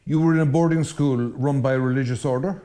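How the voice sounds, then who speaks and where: A man, a priest hosting an interview, speaking in measured, formal phrases. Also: mid-range voice, warm tone. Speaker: host, priest. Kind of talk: interview host.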